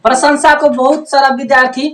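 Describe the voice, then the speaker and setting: A woman teacher with a high voice runs a patient pronunciation lesson and goes over each word several times. She keeps stopping to check that her listeners follow. The sound bounces around an echoey room. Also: little pitch movement, fairly quick.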